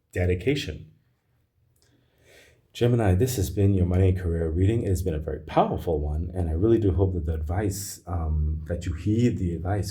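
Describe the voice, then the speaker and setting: A man's voice: sits low, mellow. A man giving an emphatic tarot card reading, repeating himself and checking in with "okay?" as he goes. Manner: emphatic, repetitive, keeps adding "okay?". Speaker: tarot reader.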